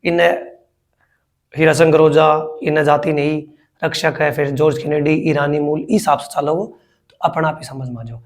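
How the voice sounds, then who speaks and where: A man's voice: a little high, flat delivery, moderate pace. A man with a Rajasthani accent teaching a history lesson for exam preparation, repeating key words and joking with students. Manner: chatty, jokes with students.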